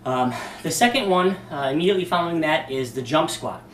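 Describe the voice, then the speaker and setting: A man walks through workout exercises like a casual fitness instructor, with lots of ums and a slightly out-of-breath sound. His voice sits a bit high. The camera mic is some way off, so the room echoes around him. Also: lively intonation, brisk, fairly bright tone, recorded from a distance, a little hiss or hum. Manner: casual, demonstrating moves with many ums. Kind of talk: workout demonstration.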